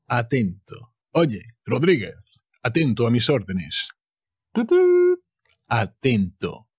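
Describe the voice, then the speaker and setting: Slow, husky Spanish teacher from Spain. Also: male voice, medium pitch, darkish tone, dry recording, studio quality. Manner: playful, acts out short example sentences. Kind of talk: vocabulary lesson, word then example.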